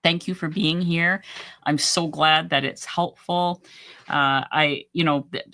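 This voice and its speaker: A woman's voice: low-pitched, fairly even intonation, slow pace, pushed and bright. A woman hosting a casual live stream who answers viewer comments in an encouraging way. She often restarts and repeats her words, and says she is losing her voice.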